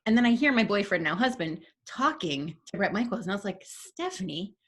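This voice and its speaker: A woman, hosting a casual interview and telling an animated story, acting out quotes with gushing energy. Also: mid-range voice, fast talker. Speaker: podcast host.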